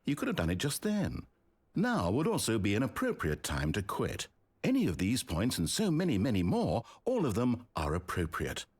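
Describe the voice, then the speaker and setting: A British man voicing a wry, teasing narrator in a video game, speaking directly to the player in a deep, sultry, mocking tone. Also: huge pitch swings, moderate pace, husky, heavily acted.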